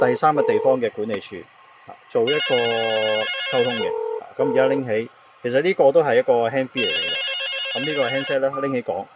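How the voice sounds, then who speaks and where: Speaking with a Hong Kong Cantonese accent, a man gives an unscripted product demonstration, explaining in halting phrases sprinkled with English words. His voice sits in the mid-range, and there's heavy background noise.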